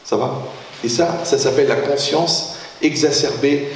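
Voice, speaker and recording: A middle-aged man lectures as a rabbi, animated and jokey, often acting out little dialogues and asking the room whether they follow. His voice sits in a middle register. It is caught from a distance, with long echo ringing through the hall. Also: medium pitch, unhurried, gravelly, a little hiss or hum. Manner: animated, jokey, acts out quoted exchanges; often checks in with the audience. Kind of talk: lively religious lecture with humor. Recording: echoey hall, heard from far off.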